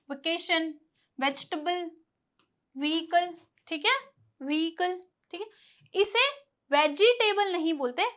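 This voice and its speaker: A woman's voice: sits high, fairly bright tone. A woman teaching English letter sounds, asking questions and answering them herself, spelling words out letter by letter. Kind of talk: classroom lesson.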